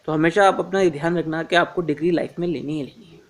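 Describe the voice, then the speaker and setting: A man giving informal career advice to viewers, calling them friends, repeating his reminders and often pausing on filler sounds. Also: fairly high pitch, fairly even intonation. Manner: addresses listeners as friends, frequent "uh" fillers; instructive, repeats key reminders.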